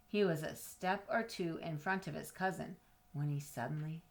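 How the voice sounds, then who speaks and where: Reading a storybook aloud to children, a woman with a fairly low voice is expressive, drawing out key words and pausing for drama. Occasionally she breaks off to ask her listeners questions or explain a word.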